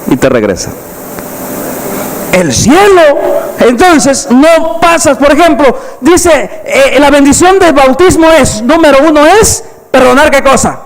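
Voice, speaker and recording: A man's voice: very high-pitched, big pitch swings, a little slow. A man preaching an evangelistic sermon as pastor, emphatic and full of rhetorical questions to the congregation. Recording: long hall reverb.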